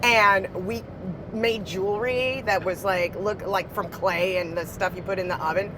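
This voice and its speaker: A woman's voice: medium pitch, fairly even intonation, a little slow, noisy background. A woman from Texas, a podcast guest, chatting in a gushing way and swearing casually. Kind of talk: casual chat.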